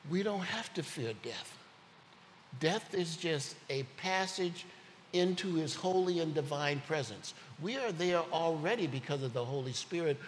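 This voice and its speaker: An earnest guest preacher, a man with a slightly high voice, takes his time and speaks very slowly as he weaves personal stories into his sermon. His words carry a long reverb through the hall. Faint ambient noise sits beneath his voice.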